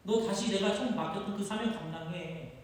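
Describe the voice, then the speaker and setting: A male preacher voicing Jesus as a gentle, forgiving figure who reassures softly, recorded far off in an echoey chapel hall. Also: high voice, brisk, lightly acted. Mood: insistent. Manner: soft, reassuring repetition.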